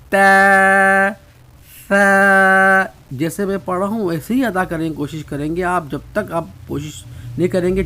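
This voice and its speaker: A man teaching Arabic pronunciation, patiently saying each letter sound slowly and repeating it for students to copy. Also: fairly high pitch. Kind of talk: spoken lesson.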